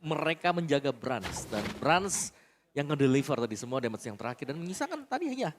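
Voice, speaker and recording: Analyst caster: Indonesian man, high animated voice, breaking down play at a live event with clear background noise. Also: brisk. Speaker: esports analyst commentator. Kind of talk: analytical live match commentary.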